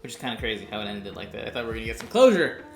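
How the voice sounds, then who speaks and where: A man's voice: on the low side, big pitch swings, racing, vocal fry, roomy sound, over music. A man co-hosting a casual anime review chat, retelling scenes in quoted voices and swearing freely. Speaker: podcast co-host.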